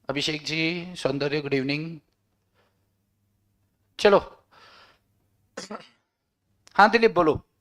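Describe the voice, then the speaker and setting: A man teaching a law class online, joking and bantering with his students. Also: on the high side.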